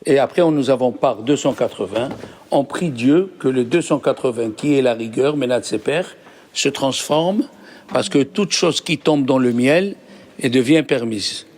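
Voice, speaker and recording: A man's voice: medium pitch, a little slow, darkish tone. A man, a rabbi, teaching a Torah class, asking the class questions and explaining patiently. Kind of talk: lively Torah lesson.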